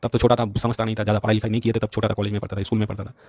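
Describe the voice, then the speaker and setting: A man's voice: fairly low pitch, flat delivery, very fast, a little mellow, no room sound. A man from West Bengal, speaking Hindi as an in a heated, repetitive political monologue. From West Bengal, India. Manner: agitated, repetitive, keeps saying "bhai sahab". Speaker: vlogger.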